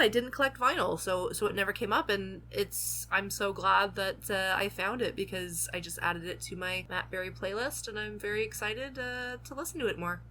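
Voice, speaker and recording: Bright-voiced Canadian woman, enthusiastic. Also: mid-range voice. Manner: enthusiastic, rambling. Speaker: podcast co-host. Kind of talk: casual chat.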